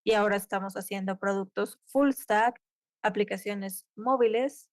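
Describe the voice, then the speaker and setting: Interpreting a tech conference talk in real time, a woman keeps up with the speaker, now and then breaking off to restart a phrase. She speaks at normal speed with a medium pitch, and the sound is clean studio quality with no echo.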